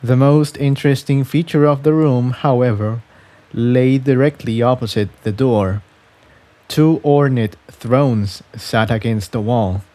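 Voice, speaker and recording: Stumbling over words in a somewhat halting delivery, a fan fiction reader narrates a scripted adventure story. He has a mid-range, mellow voice with a steady tone.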